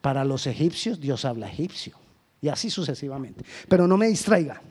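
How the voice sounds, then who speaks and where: A Colombian man preaching a sermon as pastor, swinging between loud emphasis and hushed lines. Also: a little high, expressive, a little fast. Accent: Colombian Spanish.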